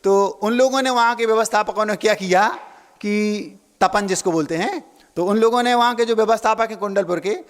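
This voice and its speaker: A man's voice: high-pitched, brisk, big-room sound. A Jain monk giving a sermon, playing with words, repeating key phrases and asking his listeners questions. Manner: asks the audience questions.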